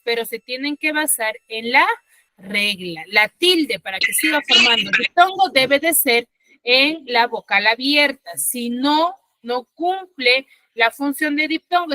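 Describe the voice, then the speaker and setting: A woman teacher walks her students through a lesson over a video call, patient and methodical. Her voice sits high and sounds bright, and the sound is dry and close. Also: animated, a little slow, no room sound. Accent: Peruvian Spanish. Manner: patient, explanatory, checks understanding often. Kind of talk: online class lecture. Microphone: computer mic on video call.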